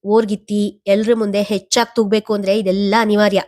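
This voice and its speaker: A woman's voice: mid-range voice, flat delivery, fairly quick, darkish tone, natural voice. A woman voicing a manipulative middle-aged mother who guilt-trips her son for money. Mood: wheedling. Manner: wheedling, guilt-tripping.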